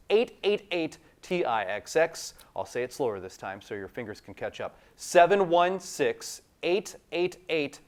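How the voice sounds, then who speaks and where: Male sports radio host, mid-pitched, upbeat and emphatic on promo reads. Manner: upbeat, emphatic when plugging tickets.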